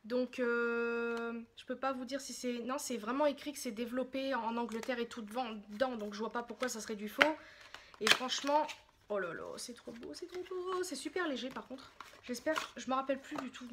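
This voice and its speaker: A woman chatting casually in a makeup haul vlog, excitable, gushing and often apologizing. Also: on the high side, fairly quick, noisy background. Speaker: beauty vlogger.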